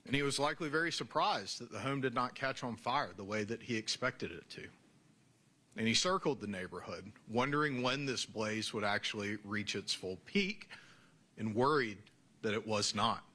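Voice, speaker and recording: A man speaking as a prosecutor in a courtroom, giving a formal, deliberate closing argument in short narrative phrases. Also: fairly low pitch, bright, forceful tone.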